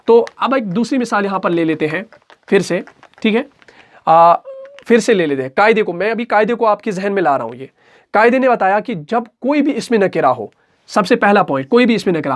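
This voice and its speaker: High-voiced man teaching recitation rules. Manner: patient, repetitive, asks and answers his own questions. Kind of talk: explanatory recitation lesson.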